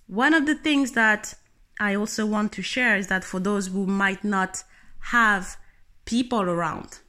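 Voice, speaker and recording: Earnest woman giving a motivational talk. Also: mid-range voice. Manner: earnest, animated, speaks directly to the listener. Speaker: tennis coach.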